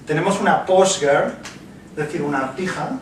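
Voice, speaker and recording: A man's voice: a little high, fairly quick, very echoey, recorded from a distance, heavy background noise. A man explaining things in an easygoing, chatty way. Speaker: video commentator. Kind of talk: casual explanation.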